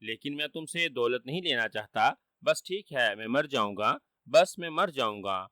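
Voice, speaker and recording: A man's voice: medium pitch, animated, sharp tone, no echo, studio quality. A man voicing a wily trickster who fakes dying, whining and sly.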